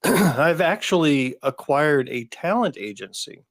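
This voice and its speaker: A man's voice: a little high, sing-song, unhurried, no room sound, clean studio sound. A man in his fifties, co-hosting a podcast in casual chat and telling rambling, anecdotal stories. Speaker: podcast co-host.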